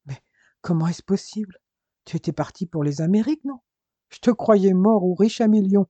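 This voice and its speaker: A narrator voicing a boisterous giant red-haired male innkeeper who bursts into loud, high exclamations, in a dull lo-fi recording. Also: moderate pace, no room sound, close to an everyday voice. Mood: overjoyed.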